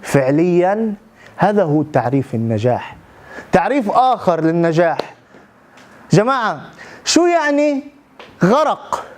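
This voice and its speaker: A man's voice: high voice, sing-song, a little slow, pauses often. A man delivers a motivational talk. He tells his story with animation and turns often to address his listeners directly. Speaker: public speaking trainee.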